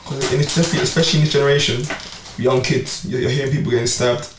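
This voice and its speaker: A man's voice: mid-range voice, racing. Young man, distant roomy sound. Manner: animated storytelling with street slang. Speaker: amateur boxer and club player. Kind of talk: casual podcast chat. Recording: roomy, distant mic, faint noise.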